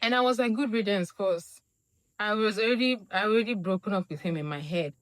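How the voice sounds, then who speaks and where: A young woman vlogger from Nigeria telling a casual storytime monologue, acting out quoted lines with big jumps in her voice. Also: brisk. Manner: animated, acts out quotes with big pitch jumps.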